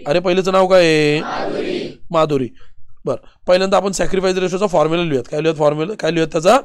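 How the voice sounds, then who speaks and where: A man with a Marathi accent teaching commerce, firing quick questions and answering them himself in call-and-response style. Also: fairly high pitch, steady tone, clear, resonant tone, no room sound, clean studio sound. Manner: rapid questions, repeatedly urging students to answer quickly. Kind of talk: classroom lecture with call-and-response drilling.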